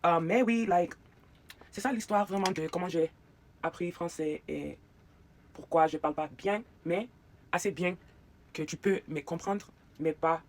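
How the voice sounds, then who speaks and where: A native English-speaking vlogger with an American accent chats casually through a get-ready-with-me video, pausing often and dropping English fillers into their speech. Their pitch sits in the middle, and there's a little background noise.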